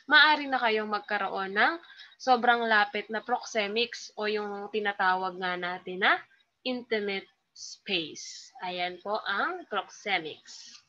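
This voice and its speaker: A Filipina teacher gives a recorded lecture in a bright, clear voice. She explains patiently and chattily, with many small fillers and questions to her listeners. The sound is slightly dull and lo-fi. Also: medium pitch, slow.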